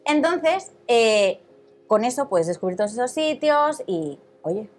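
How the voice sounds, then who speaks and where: A young woman from Madrid, Spain, chats casually as an interview guest; she's an Instagram content creator with a Madrid accent. Her fairly high voice is sing-song and unhurried, and she's talkative and colloquial. The clip was recorded on a lapel mic in a small indoor studio set.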